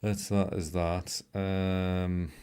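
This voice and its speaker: A middle-aged British man with a British English accent speaks in a low-pitched, level voice, drawing out his words, with a warm, clean tone. As a livestream host in a home studio room, he edits photos, jokes and greets viewers by name, sounding a bit tired.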